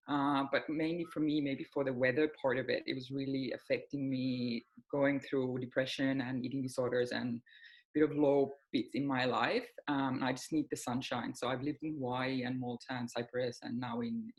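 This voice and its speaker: A woman's voice: rumbling low, poor audio. Woman in her forties. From Finland. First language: Finnish. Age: 40s. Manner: reflective, open, many soft fillers. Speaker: guest, healing coach. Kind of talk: casual interview chat.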